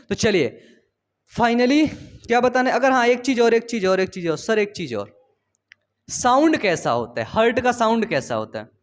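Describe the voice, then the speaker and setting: A young man teaching biology in a loose, chatty way, drifting into personal stories and checking in with tag questions. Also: sits high. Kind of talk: informal Hindi class lecture. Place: home studio.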